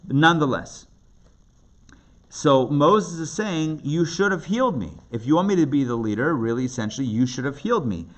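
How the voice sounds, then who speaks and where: Here a rabbi with a slightly high, expressive voice explains texts at a moderate pace to a roomful of participants. He stresses points by repeating phrases and asking rhetorical questions, keeping the commentary plain and interactive. It's a live classroom capture with noise behind him.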